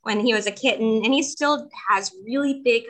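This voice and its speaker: A woman's voice: a little high, normal speed, a bit bright. A woman hosting a podcast, asking plain questions and adding brief friendly asides. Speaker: podcast host. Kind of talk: casual interview chat.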